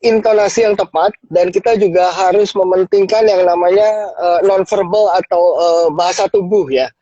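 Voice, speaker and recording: A man's voice: high-pitched, fairly even intonation, normal speed, warm tone, no room sound. A man hosting a talk show who asks questions with hesitant fillers and often agrees with short replies. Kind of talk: casual interview chat. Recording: dry dull lo-fi recording.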